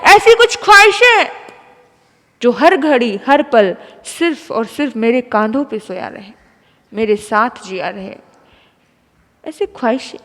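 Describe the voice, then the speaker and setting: A woman's voice: on the high side, very animated, a little slow, pauses often, fairly bright tone. A woman preacher telling a dramatic sermon story in an impassioned way. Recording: long hall reverb.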